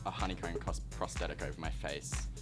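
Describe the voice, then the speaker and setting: Campy, low-voiced Australian drag queen over music. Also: fairly even intonation, fairly quick. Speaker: drag performer. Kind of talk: talking about own craft to camera. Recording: music playing behind the voice.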